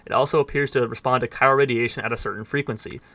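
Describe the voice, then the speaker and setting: A gaming let's player rushes through on-screen game text, reading it out for his audience in a bright, crisp, mid-range voice. His tone stays steady, and the close, dry recording carries no room sound. He stumbles on words here and there and tosses in dry side comments.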